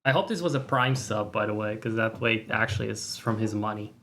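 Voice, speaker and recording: Livestream host, casual chat. Mid-range pitch, sarcastic, mock-boastful, foul-mouthed. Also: fairly quick, fairly bright tone, a little hiss or hum. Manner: profane. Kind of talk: casual chat to stream viewers.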